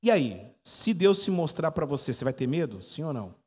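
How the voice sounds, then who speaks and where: In an echoey church hall, a Brazilian Portuguese–accented pastor in his forties teaches through chatty stories, stopping to quiz his listeners. He sounds a little high and sing-song, a bit fast, with a darkish tone and a breathy edge.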